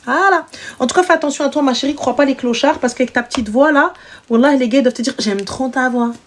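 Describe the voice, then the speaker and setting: A woman's voice: high-pitched, fast talker. A woman hosting a live stream, giving blunt, teasing, slangy advice to callers in casual chat.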